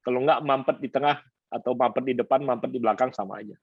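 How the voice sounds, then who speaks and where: A male pastor teaching a conference session, lively and animated, mixing in English words and acting out quoted couples. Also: fast talker, husky, dry recording, phone-quality sound. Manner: lively, acts out quoted couples in higher voices; mixes English words into speech. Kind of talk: seminar teaching talk. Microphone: conference stream.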